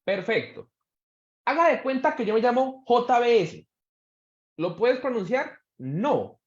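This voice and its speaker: A man teaching a church Bible class, quizzing his students and slowing down to stress key words. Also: extremely high pitch, very animated. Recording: echoey room, dull sound.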